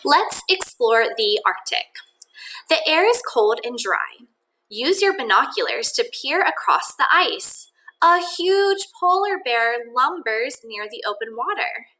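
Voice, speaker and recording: A woman teacher reads a children's nonfiction book aloud, expressive and deliberate, pausing for think-aloud asides aimed at kids. Her voice sits high. The recording is low quality, with slight background noise.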